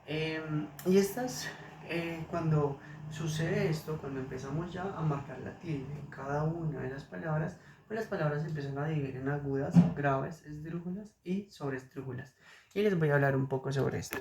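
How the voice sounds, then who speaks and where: Colombian guy teaching kids, slow and patient, kinda high voice, echoey room from a distance. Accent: Colombian Spanish. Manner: patient, repeats each example word slowly. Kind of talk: slow classroom explanation to children. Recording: roomy, distant mic, faint noise.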